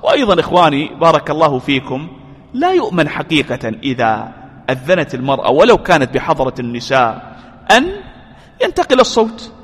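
A man's voice: a little high, very animated, fast, fairly bright tone, slightly rough, in a large hall. A man giving a religious lesson. He poses rhetorical questions, answers them himself, repeats key phrases for emphasis and blesses his listeners often. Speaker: religious teacher.

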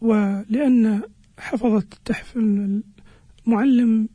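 A man explaining religious rulings as a scholar on a radio program, in a measured, halting way with pauses. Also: high voice, fairly even intonation, warm tone, breathy edge, dry recording. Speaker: Islamic scholar answering listeners' questions.

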